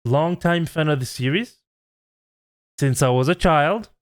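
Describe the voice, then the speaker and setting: Man, twenties, host; earnest pleading rant, smooth clear voice, unhurried. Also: on the high side. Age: 20s. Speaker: channel host. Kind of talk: heartfelt vlog rant.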